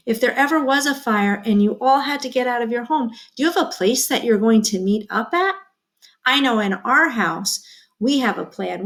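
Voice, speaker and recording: A woman's voice: mid-range voice, gravelly, a bit bright. A woman teacher reading a children's magazine aloud to young students, with playful sound effects and questions to her listeners.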